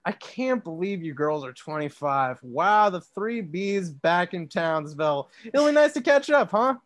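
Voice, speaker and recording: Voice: mid-range voice, very animated, unhurried, dry recording, clean studio sound. A reader voicing a proud middle-aged father of three in a script table read. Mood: hearty.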